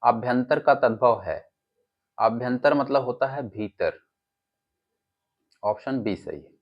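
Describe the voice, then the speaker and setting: A man's voice: medium pitch, animated, slow. A male teacher with an Uttar Pradesh Hindi accent, reading quiz questions and their options, then giving the answers and explaining them. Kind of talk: exam-prep lesson, reading quiz options. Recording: dull lo-fi audio.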